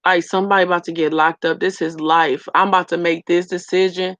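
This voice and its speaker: A woman's voice: on the low side, level tone, fairly quick, a bit bright, no room sound. A woman vlogger earnestly telling a personal story straight to her viewers, speeding up in bursts. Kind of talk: emotional personal storytelling to camera. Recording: dull lo-fi dry sound.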